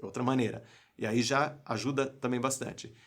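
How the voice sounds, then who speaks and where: A man's voice: mid-range voice, fairly even intonation, moderate pace. A young Brazilian man, an English teacher and coach, giving a live online class in an emphatic way and often asking his viewers rhetorical questions.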